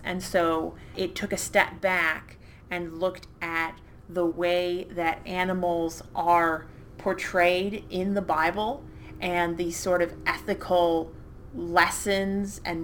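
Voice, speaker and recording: A woman co-hosting a podcast, chatting enthusiastically with quick asides. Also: fairly low pitch, a bit bright, slight background noise. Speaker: podcast co-host. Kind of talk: casual chat.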